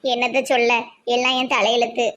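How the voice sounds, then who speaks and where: A woman voicing an anxious young female college student in a cartoon, soft and tearful, with a Tirunelveli Tamil accent. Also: fairly high pitch, flat delivery, brisk, highs cut off, voice pushed down, natural voice. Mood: despairing. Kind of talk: cartoon voice acting.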